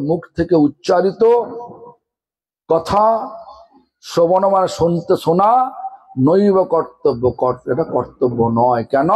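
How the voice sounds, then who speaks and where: A man's voice: fairly high pitch, a little mellow, slightly rough, low-quality recording. A man with a Bengali accent giving a scolding sermon, asking the audience one rhetorical question after another. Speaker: guru giving a religious discourse.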